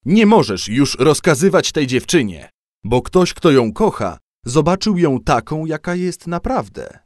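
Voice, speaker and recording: A man's voice: on the high side, big pitch swings, unhurried, a little mellow, no echo, clean studio sound, voice pushed up. A man voicing a stern, loving old king and father in a storybook tale, raising his voice to command. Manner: commanding, raised voice.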